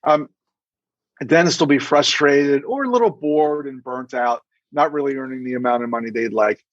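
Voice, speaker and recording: Speaking at a normal speed in a medium-pitched voice, a middle-aged dentist who coaches practices shares emphatic advice as a podcast guest. He mixes in anecdotes and performs imagined dialogue. The sound is lo-fi, without echo.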